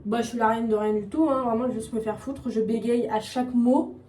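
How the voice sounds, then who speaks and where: A chatty young vlogger talks casually at home while getting ready, rambling, self-mocking, and full of slang. She speaks briskly in a fairly high, warm voice with fairly even intonation. The sound is roomy and echoey, with her voice far off-mic and faint noise behind.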